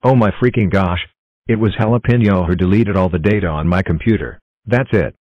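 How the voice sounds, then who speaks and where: A man's voice: low voice, fairly quick, natural voice. A synthetic male voice playing a bossy, accusing boy in a cartoon, scolding with repeated words. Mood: furious. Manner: shouting repetitions, scolding. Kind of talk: text-to-speech cartoon voice. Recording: dull dry lo-fi audio.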